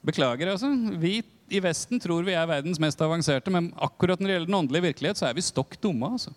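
A man preaching a teaching in a frank, conversational manner with quick asides. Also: a little high. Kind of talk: sermon teaching.

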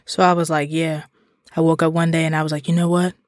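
A woman hosting a podcast, delivering a comedic monologue that swings between loud profane outbursts and low asides. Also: monotone, quick pace, dry recording, clean studio sound. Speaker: podcast host.

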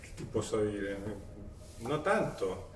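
A man in his forties, a native Spanish speaker with an Argentine accent, talking casually as an interview guest, haltingly searching for words and switching between languages. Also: on the low side, big pitch swings. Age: 40s. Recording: roomy echo, distant mic, faint noise.

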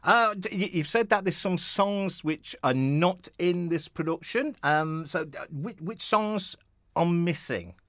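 Lively, stumbling man hosting radio. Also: sits high, measured pace, no echo, clean studio sound. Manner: rambling, full of restarts and fillers; jovial, chuckling. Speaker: radio host. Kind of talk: casual interview chat. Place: radio studio.

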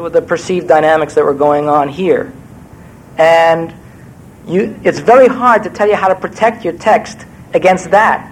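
This guest speaker is a wry older screenwriter from New York whose voice runs slightly high. In a Q&A session with an audience he wanders off on tangents and pokes fun at himself, captured on a low-quality recording.

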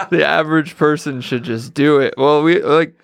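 A man's voice: a little high, gravelly, slight background noise. A man co-hosting a casual podcast, upbeat and welcoming as he runs the show. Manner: upbeat, welcoming host patter. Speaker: podcast co-host.

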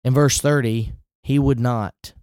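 A man's voice: mid-range voice, steady tone, a little slow, darkish tone, clean tone, dry recording, clean studio sound. A man preaching a sermon in a conversational way, with rising emphatic asides.

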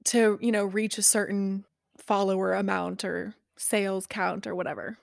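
A woman's voice: mid-range voice, little pitch movement, normal speed, creaky. A woman with a mid-range voice hosts a podcast conversation. She reacts with effusive enthusiasm and eager follow-up questions. Her voice sounds close and dry, with no room echo. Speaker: podcast host. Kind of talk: podcast interview.

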